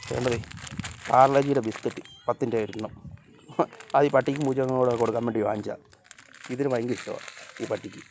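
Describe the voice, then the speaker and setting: A man's voice: medium pitch, fairly even intonation, fast, pauses often, darkish tone, slight background noise. Man vlogging outdoors, calling his pets. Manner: talks to his dog and cats, calling them along. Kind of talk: casual vlog narration while walking outdoors. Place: outdoors by flooded fields and a river.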